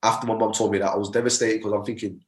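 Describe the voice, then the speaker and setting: A man's voice: lowish voice, level tone, very fast. A young man, a mindset coach talking earnestly as a podcast guest, often tagging "man" and "you get me" onto his sentences. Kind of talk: podcast conversation. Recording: roomy echo.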